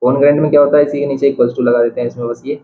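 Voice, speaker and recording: A man's voice: medium pitch, flat delivery, fast talker. A man teaching a board-exam geometry lesson, who talks students through each step, repeats the key points and tells them not to worry. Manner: reassuring, repeats key steps aloud. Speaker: math teacher. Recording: dull, slightly roomy with faint hiss.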